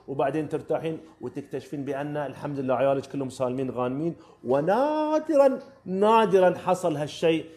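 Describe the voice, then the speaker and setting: Fast-talking Omani man giving advice. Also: on the high side, a little mellow. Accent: Omani Arabic. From Oman. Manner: emphatic, repeats key phrases. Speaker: live-stream host answering driving questions. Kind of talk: casual live-stream advice talk.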